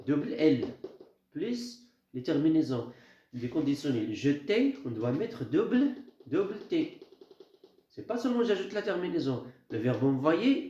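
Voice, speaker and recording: A man teaches a grammar lesson at an unhurried, deliberate pace, repeating words and spelling out letters one by one. His voice sits a little high for a man. The recording is dull and lo-fi, with a roomy echo around him. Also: warm tone, slight background noise. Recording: echoey room, dull lo-fi sound.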